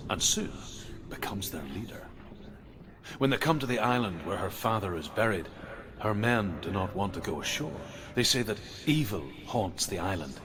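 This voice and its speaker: A male actor as a solemn spirit guide from a video game, telling old legends in a low voice. The delivery is deliberate and dramatic, over clearly audible ambient noise. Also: natural voice. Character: grave male storyteller spirit guide recounting Norse legends. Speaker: storyteller and guide character. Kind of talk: dramatic scripted storytelling.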